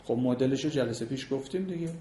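A man's voice: mid-range voice, noisy background. A man teaching a class on marriage, going through numbered points and acting out sample talks between husband and wife. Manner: explains points by number, acts out sample dialogues between spouses. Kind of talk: lecture with audience questions. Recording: echoey room.

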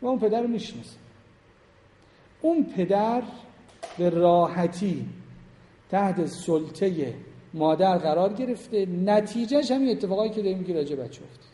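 A middle-aged man gives a class an informal lecture on family life, speaking conversationally and emphatically and putting questions directly to his listeners. His high voice is expressive and mellow, and he pauses often. The recording is in a roomy hall with long reverb.

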